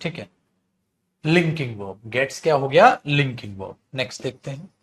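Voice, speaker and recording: A medium-pitched man with lively intonation speaks at a normal pace against slight background noise. He's drinking tea while teaching English grammar online from home or a studio, chatty and coaxing, switching between Hindi talk and English example sentences and calling students "bhaiya" and "beta."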